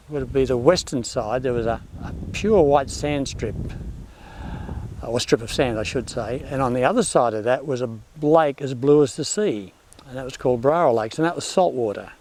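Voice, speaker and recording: Older male, Australian. Bush storyteller, laconic outback drawl, mid-pitched, halting and unscripted. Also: a little mellow, slight background noise. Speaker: former outback station worker telling bush yarns.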